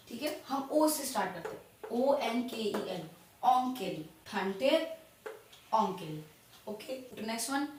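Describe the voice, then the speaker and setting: Woman teaching in a very echoey room. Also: on the high side. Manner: spells out words letter by letter, repeats and checks with "okay?". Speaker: language teacher. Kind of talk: casual tutorial explanation. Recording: very echoey room, distant mic, faint noise.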